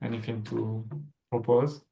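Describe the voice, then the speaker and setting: A man's voice: medium pitch, level tone, unhurried, creaky, warm tone, slight background noise. A man organizing a group chat on a video call, hesitant and given to short replies.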